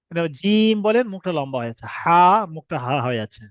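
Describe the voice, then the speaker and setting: A man's voice: fairly high pitch, sing-song, rapid-fire, clear, resonant tone, no room sound, muffled recording. Man patiently teaching alphabet pronunciation. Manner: patient, repetitive explaining with rhetorical questions. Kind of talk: online recorded class lesson.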